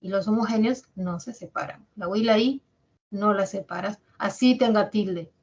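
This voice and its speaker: A woman from Peru with a Peruvian Spanish accent, a language teacher giving a classroom lecture and slowly sounding out example words syllable by syllable. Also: medium pitch, a little mellow, highs cut off. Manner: explains patiently, drawing out example words syllable by syllable.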